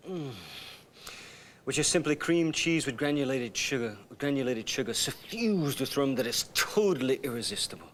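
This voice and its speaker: A man chatting casually, giving relaxed comments. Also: medium pitch, normal speed, slight background noise. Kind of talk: casual chat.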